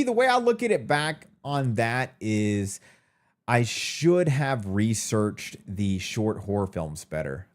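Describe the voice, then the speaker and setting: Lively, chatty male streamer host. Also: fairly low pitch. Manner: upbeat, greets viewers by name. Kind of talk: casual live-stream chat.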